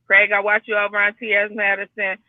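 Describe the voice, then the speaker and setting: High-voiced man on a tinny line. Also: completely flat delivery, a little fast, no echo. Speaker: call-in guest. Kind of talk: casual panel talk. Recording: tinny dry phone line.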